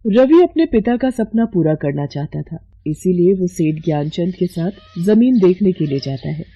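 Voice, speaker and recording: Give me a woman with a husky voice narrating a bedtime story. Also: on the low side, moderate pace, highs cut off. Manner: steady, storytelling.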